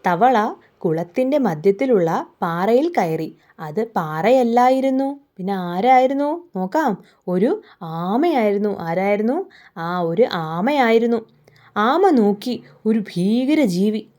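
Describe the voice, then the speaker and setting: A woman's voice: medium pitch, animated, takes it slowly, warm tone. A young woman teacher explaining a workbook story to small children, asking questions and answering them herself.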